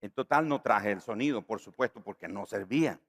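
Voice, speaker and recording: A little fast in delivery, a pastor from Nicaragua preaches, getting higher and louder on key words. He also gives voice to the people in the stories he tells.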